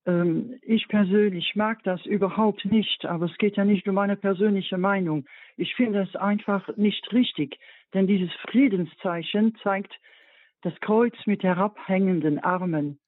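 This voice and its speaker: A woman calling in to a radio show with a question, hesitant and filling pauses. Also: mid-range voice, dry recording. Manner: hesitant, many fillers. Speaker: caller. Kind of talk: phone-in call. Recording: tinny dry phone line.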